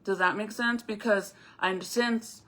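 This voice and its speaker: A woman hosts a casual crafting live stream with a bright, crisp-edged voice at an average pitch. She talks with a retainer in her mouth, explaining steps informally and addressing viewers directly. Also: fairly even intonation, measured pace.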